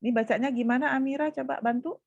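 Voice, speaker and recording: A woman's voice: sits high, fairly even intonation, fast, creaky, darkish tone, dry recording, highs cut off. A woman university lecturer teaching statistics over a video call, calling on students by name and patiently prompting them to answer.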